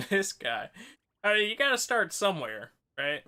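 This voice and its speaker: A man's voice: high-pitched, sing-song, unhurried, sharp tone. Man on a choppy, gate-clipped mic. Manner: chatty, rambling with fillers. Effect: noise gate clipping word endings, choppy cut-off sound. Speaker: gamer commenting on play. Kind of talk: casual let's-play commentary. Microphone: home streaming microphone.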